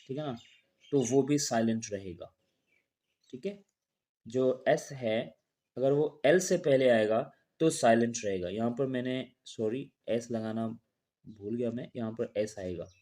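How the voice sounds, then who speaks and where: This man's voice sits in the mid range with a somewhat dark tone. Step by step, he explains the rules of English pronunciation, patiently going over each rule and example twice and answering his own questions.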